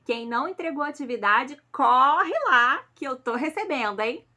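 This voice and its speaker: A woman with a Brazilian Portuguese accent teaching a recorded class, her voice sitting somewhat high. She walks her pupils through the answers step by step, keeps checking in with short tag questions, and sounds affectionate toward them. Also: expressive, moderate pace, bright, forceful tone. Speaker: schoolteacher. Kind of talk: recorded class correcting homework.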